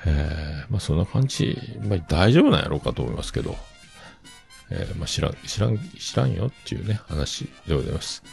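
A man's voice: deep voice, big pitch swings, fairly quick, creaky, darkish tone, faint music behind. A middle-aged man hosting a solo podcast, rambling casually and trailing off into mumbled asides.

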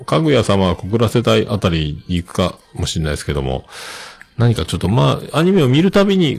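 Low gravelly man, rambling chat. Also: dry recording. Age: middle-aged. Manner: chatty, rambling with many fillers. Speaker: podcast host. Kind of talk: casual chat reading listener mail.

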